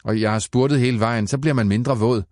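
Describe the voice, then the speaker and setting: A man's voice: medium pitch, steady tone, a little mellow, no echo, studio quality, pitched above the performer's own voice, lightly acted. A man reading aloud and voicing a sulky, anxious schoolboy who mumbles and then insists. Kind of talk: audiobook character voice.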